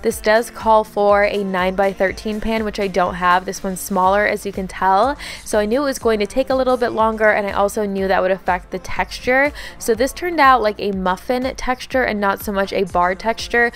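A woman's voice: mid-range voice, moderate pace, hardly any pauses, faint music behind. A young woman, a home vlogger, giving a chatty, upbeat voice-over that explains each step of her cooking.

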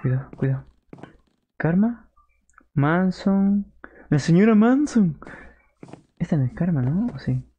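A man's voice: high voice, takes it slowly, pauses often, slightly rough, highs cut off. A man streaming live gameplay, chatting with viewers and yelping in panic. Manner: excitable, yelps and shrieks in panic. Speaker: gaming streamer.

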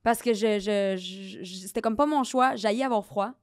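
A woman's voice: mid-range voice, moderate pace, no room sound. Laughing Québécois woman, dry close sound. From Quebec. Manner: laughing, self-mocking storyteller. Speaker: guest. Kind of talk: casual podcast chat.

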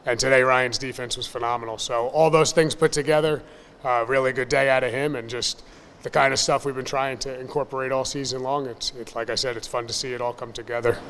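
A man in his thirties, a baseball coach, answering questions at a postgame press conference in a measured, upbeat, plain-spoken way from a table mic. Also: mid-range voice, fairly even intonation, a bit bright, long reverb tail, a little hiss or hum. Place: press room in front of a sponsor backdrop. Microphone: table mic on a stand.

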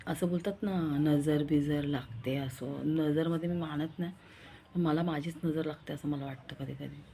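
A woman's voice: sits low, steady tone, normal speed, warm tone, a little hiss or hum. A young woman with a Marathi accent chatting in a rambling, confiding vlog style, repeating herself as she talks. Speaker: vlogger. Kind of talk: casual vlog chat.

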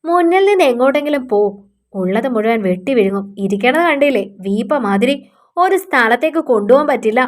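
A woman voicing a harsh, scornful husband who shouts insults at his wife. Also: on the high side, lightly acted. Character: harsh scornful husband, middle-aged man.

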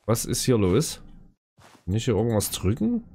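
A man streams a horror game with casual, spooked commentary. His pitch moves in lively swings around an average male register. He is jumpy and exclaims, addressing both his viewers and the characters on screen as a scared player would. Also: moderate pace.

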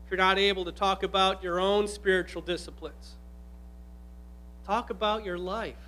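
A man's voice: high voice, steady tone, normal speed, bright, forceful tone. A man in his forties, a pastor giving an earnest, conversational sermon from a pulpit in a church hall. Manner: earnest, conversational preaching with asides. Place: church hall with altar table. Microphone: stand microphone at pulpit.

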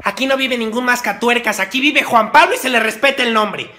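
A woman's voice: on the high side, fairly quick, pushed and bright. A woman with a Mexican Spanish accent acting out exaggerated comedy sketches, switching between mother and child roles.

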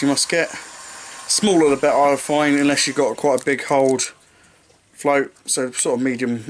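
A fishing vlogger in his twenties walks the camera through his tackle in a small room with a striped curtain, rambling casually, correcting himself mid-sentence, and tossing off jokes about his knots and the lighting. His medium-pitched voice comes through a close camera mic with a little hiss or hum.

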